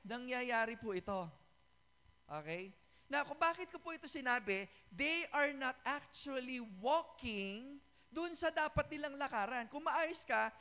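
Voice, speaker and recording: A man's voice: very high-pitched, bright, forceful tone. A male pastor preaching a sermon, mixing Tagalog and English and often checking in with the congregation. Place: church sanctuary. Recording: reverberant church hall.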